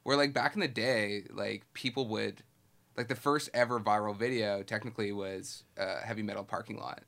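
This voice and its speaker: Animated, laughing Canadian man. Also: lowish voice, normal speed, gravelly. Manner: animated storyteller, laughs often, swears casually. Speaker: podcast guest. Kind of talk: casual chat.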